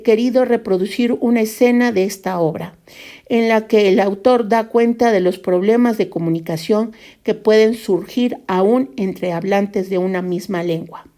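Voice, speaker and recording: A woman presenting a lesson in a measured explanatory tone, using fillers such as "este" and "pues.". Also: medium pitch, dark tone.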